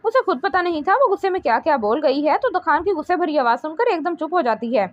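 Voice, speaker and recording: High-pitched woman audiobook narrator, steady storytelling, dry, dull lo-fi recording. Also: fast talker, no echo. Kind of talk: scripted narration of a romance novel.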